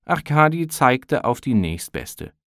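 A man calmly narrating an audiobook in a measured storytelling manner, close to the mic. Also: medium pitch, vocal fry, no room sound. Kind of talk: scripted narration.

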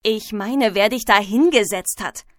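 A woman voicing a strict, sharp-tongued male schoolteacher in a read-aloud storybook. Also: mid-range voice, a little slow, dry recording, clean studio sound, close to an everyday voice. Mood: stern. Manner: sharp, commanding, loud.

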